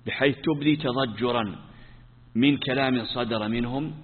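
A man's voice: mid-range voice, normal speed, husky. A male religious teacher gives a classroom Quran commentary lesson. He asks rhetorical questions, answers them himself, and repeats key phrases. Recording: tinny phone-like sound with long hall reverb.

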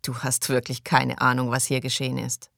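A woman reading an audiobook, voicing a stern, grim grown man who speaks curtly and gravely. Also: very deep voice, monotone, moderate pace, a bit bright, no echo, clean studio sound, voice pushed down, full character voice.

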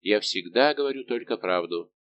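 Man voicing a calm, defiant musketeer captain. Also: lowish voice, normal speed, muffled recording, lightly acted. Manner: calm, steady, respectful but unbending. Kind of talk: audiobook reading.

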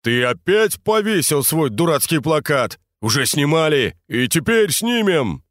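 A man doing a loud, hearty old drinker. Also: on the high side, sing-song, measured pace, no room sound, clean studio sound, pitched above the performer's own voice. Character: boisterous loud old Moscow drinker nicknamed cruiser.

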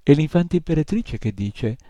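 A man's voice: a little high, animated, normal speed, warm tone, dry recording, lo-fi sound, voice pushed up. A man voicing a fretful little male imp from a storybook, who whines and stammers. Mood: whiny, dismayed. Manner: whiny, stammering "uh, uh".

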